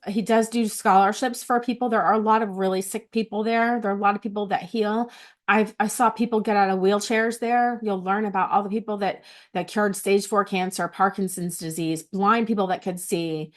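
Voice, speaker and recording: A tearful middle-aged woman with a medium-pitched voice goes over her retreat notes in a casual vlog. The delivery is sincere and close to crying, with many restarted phrases.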